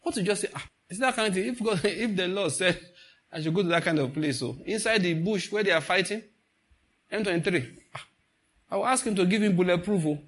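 This informal sermon, with its stories and jokes, comes from a man with a Nigerian accent and a high-pitched voice, speaking a little fast. He brings the stories to life by acting out what people say and switches into Pidgin at times.

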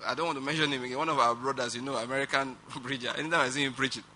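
A pastor with a Nigerian accent preaches in a mid-range voice at a racing pace, animated and emphatic, with rhetorical questions and chuckles. The recording has a slight hiss or hum.

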